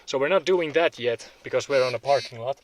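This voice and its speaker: A man's voice: mid-range voice, fairly quick, a little hiss or hum. A man with a Finnish accent, a native Finnish speaker, talking in an informal, offhand vlog style with the odd swear word. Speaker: car hobbyist video host. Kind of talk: casual vlog talk. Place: in a car on a parking lot.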